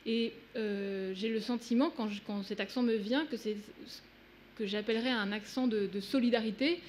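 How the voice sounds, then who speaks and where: A woman's voice: a little high, a little mellow, slight background noise. A woman author whose native language is Russian, talking reflectively and searching for words. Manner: searching for words, many hesitations. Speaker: author guest. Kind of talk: reflective talk. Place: event hall.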